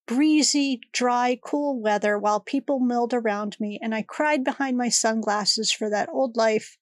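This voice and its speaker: On her own podcast, a middle-aged host talks alone in a casual, rambling, personal manner while audibly congested. She speaks unhurriedly at a fairly high pitch, and the clean studio recording has no room sound.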